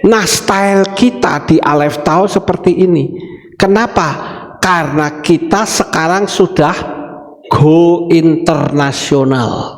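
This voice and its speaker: A man's voice: fairly high pitch, slow pace, faint music behind. A man preaching a sermon as pastor, addressing the congregation directly. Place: church hall. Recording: echoey church hall with long reverb.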